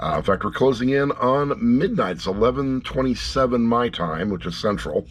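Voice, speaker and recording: Here a middle-aged man with a medium-pitched voice and lively intonation reviews an audiobook to camera at a normal speed. The talk is loose and rambling, its tone blunt and wry, with phrases often repeated for emphasis.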